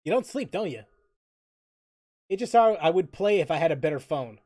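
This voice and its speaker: A gaming livestreamer chats casually and jokes with mild swearing, reading chat aloud and commenting on his play in an animated way. His voice is medium-pitched at a moderate pace, with clean studio sound, no echo and background music.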